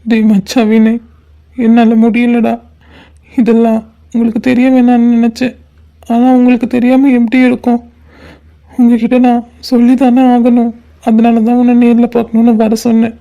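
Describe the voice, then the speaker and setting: A woman's voice: on the high side, monotone, normal speed, pauses often, warm tone, natural voice. A woman voicing a heartbroken young man in a cartoon, talking in a despairing, pleading way to his best friend. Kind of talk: cartoon voice acting.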